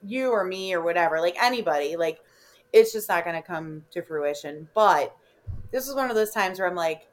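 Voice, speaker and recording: A woman with a Chicago accent telling a story in casual chat, animated, laughing often and swearing freely. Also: fairly low pitch, normal speed. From Illinois. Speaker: podcast guest.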